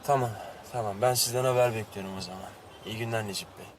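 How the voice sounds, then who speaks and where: An actor playing an earnest, caring young husband and father who speaks gently and attentively in a TV drama. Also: fairly low pitch, steady tone, fast talker, slight background noise, close to an everyday voice. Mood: troubled. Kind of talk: TV drama acting.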